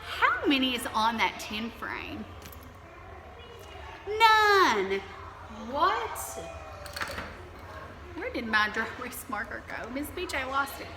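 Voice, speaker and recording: In an echoey, reverberant room with a noisy background, a woman leads a counting lesson for small children, addressing them directly and encouragingly. Her fairly high voice is sing-song, moving at a moderate pace with hardly any pauses.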